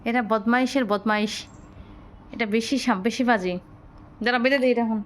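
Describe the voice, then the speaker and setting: A woman filming her pets at home at night, coaxing and scolding them in a lively, affectionate way. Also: on the high side, normal speed, a little hiss or hum. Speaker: pet vlogger. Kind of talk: casual vlog narration.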